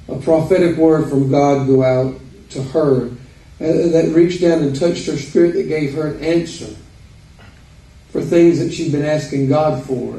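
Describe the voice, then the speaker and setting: A man's voice: on the high side, mellow. Folksy Arkansas man preaching in a roomy space. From Arkansas, United States. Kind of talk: informal sermon to a congregation. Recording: roomy echo, distant microphone.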